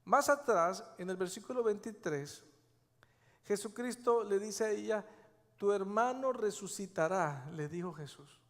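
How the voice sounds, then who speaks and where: A man's voice: sits high, lively intonation, a little slow. A male pastor preaching a sermon, emphatic and repeating his key phrases. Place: church sanctuary. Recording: long church hall reverb.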